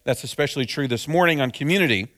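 A pastor preaching a sermon at a pulpit microphone, earnest and steady, building points through repeated phrases. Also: male voice, medium pitch, quick pace.

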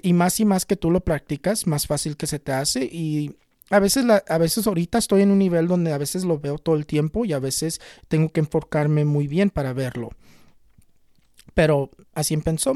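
Mellow young man, earnest storytelling. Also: fairly high pitch, no echo, studio quality. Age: 20s. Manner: earnest, unhurried, often restarts and repeats words. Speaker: tarot reader and spiritual healer. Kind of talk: casual personal storytelling to camera.

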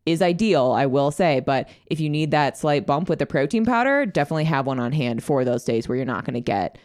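A woman's voice: deep voice, expressive, brisk, a little mellow. A young woman co-hosting a fitness podcast, chatting casually with lots of fillers. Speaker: podcast co-host, fitness coach. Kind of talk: casual chat.

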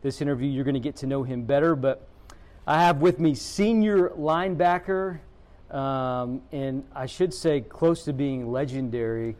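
At a normal pace, a man with a darkish mid-range voice hosts a school podcast. His interview is a casual, friendly chat, and he says "man" often as he addresses his guest.

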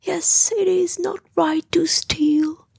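A woman doing a gentle soft-spoken bear. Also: high voice, slow pace, creaky, no echo, studio quality, exaggerated voice. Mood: stern. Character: gentle, slow-thinking male bear.

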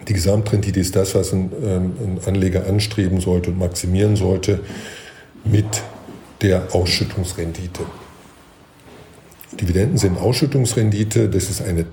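A man, a guest expert, explaining investing in a measured way, with many fillers and restarts. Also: deep voice, steady tone, mellow, slight background noise. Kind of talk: explanatory podcast talk.

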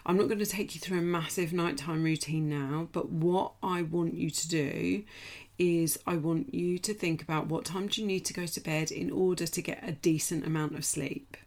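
A middle-aged woman with a British accent, croaky today, coaching a group through a morning routine in a direct, encouraging way. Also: on the low side, steady tone, normal speed, darkish tone. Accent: British English. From United Kingdom. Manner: direct and encouraging, checks in with "okay?". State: croaky, clearing her throat. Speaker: coach leading a group challenge. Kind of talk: casual live coaching talk.

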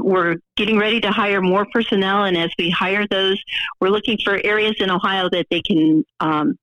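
A woman being interviewed over the phone as a program leader, speaking in a measured way with many pauses and fillers. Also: on the low side, fairly bright tone, no echo. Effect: heard over the phone. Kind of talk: interview answers. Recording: dry phone line.

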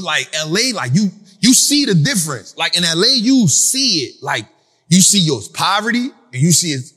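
A man hosting a finance talk for a live audience, in a casual, animated storytelling style that acts out other people. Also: high voice, slightly rough, in a large hall. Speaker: finance speaker and host. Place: event venue with an audience.

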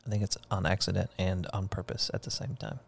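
A man's voice: low-pitched, a little fast, creaky, breathy edge. A man co-hosting a casual podcast, teasing the guest and laughing a lot.

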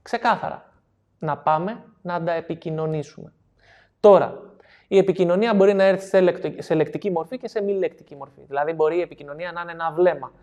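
A man's voice: fairly high pitch, a little mellow. Male coach giving a seminar talk: explanatory, repeats key points, checks understanding. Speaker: NLP coach.

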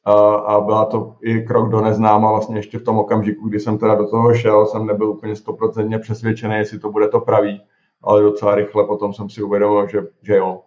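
A man's voice: lowish voice, completely flat delivery, darkish tone. A man in his forties, a tech executive, talking casually in an interview and hesitating often with fillers and restarts. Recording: dull, roomy recording.

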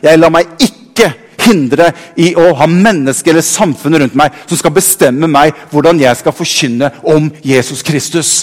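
A man preaching a fervent sermon as a pastor in a church, building from quiet reflection to loud calls. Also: fairly high pitch, hardly any pauses. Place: church hall. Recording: long reverb of a church hall.

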